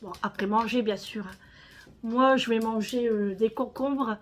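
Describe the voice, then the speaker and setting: A woman's voice: fairly high pitch, a little slow, slight background noise. Chatty French woman vlogging to her viewers. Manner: chatty, addresses viewers as friends. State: out of breath. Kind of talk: casual vlog chat to viewers.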